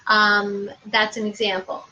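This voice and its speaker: A woman working as a psychic medium, giving spirit readings on a live stream in a soft, unhurried way with many filler ums. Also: mid-range voice, completely flat delivery, lo-fi sound, a little hiss or hum. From Prince Edward Island, Canada.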